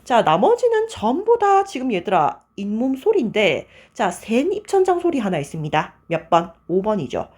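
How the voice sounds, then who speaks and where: A woman teaching an exam-prep grammar lecture, moving briskly through answers and checking in with her students again and again. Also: a little high, wildly swooping pitch, darkish tone.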